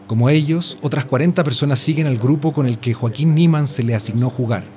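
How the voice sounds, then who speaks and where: A man's voice: medium pitch, brisk, warm tone, slight background noise. A man reading a scripted journalistic story as narrator. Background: music.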